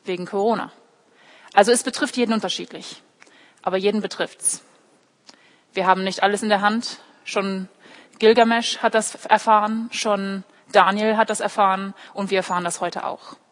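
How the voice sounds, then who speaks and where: A woman's voice: mid-range voice, fairly even intonation, normal speed. A woman preaching an online sermon, often asking questions and speaking directly to her listeners. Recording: long hall reverb.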